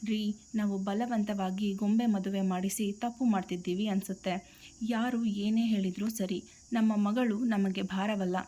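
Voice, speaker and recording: A woman's voice: medium pitch, steady tone, unhurried, dark tone, natural voice. Woman voicing a tearful middle-aged mother.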